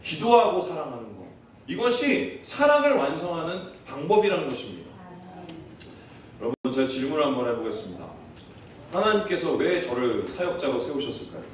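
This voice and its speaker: A man's voice: on the high side, sing-song, fairly quick, a little hiss or hum. A man preaching a sermon as pastor, earnest, often turning to the congregation with questions and acting out quoted prayers. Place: church sanctuary. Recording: echoey church hall, far from the mic.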